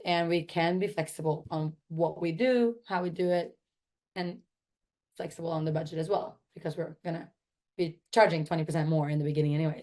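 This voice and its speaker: Woman teaching a course, lowish raspy voice like a smoker, hoarse and worn out, chatty. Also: a little mellow. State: voice worn out from talking. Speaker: course instructor. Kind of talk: informal teaching.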